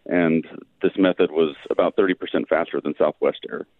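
A low-voiced man comes through a thin, tinny phone line that fades in and out. He is a professor explaining things to a radio host. He speaks patiently, with plenty of "um"s. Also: fairly even intonation, brisk. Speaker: guest physics professor.

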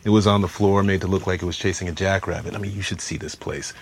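A gravelly sardonic agent. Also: male voice, low-pitched, steady tone, quick pace. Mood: dry. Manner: dry, sardonic. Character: wry male federal agent, odd humor. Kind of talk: audio drama acting. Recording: noisy background.

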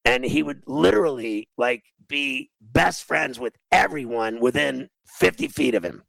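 On a radio show, a male host in his fifties spins a lengthy, meandering story that pokes fun at himself, his voice gravelly and grating. It sits in the mid-range, with lively intonation, a measured pace and a fairly bright tone. The recording is rough, with no room sound.

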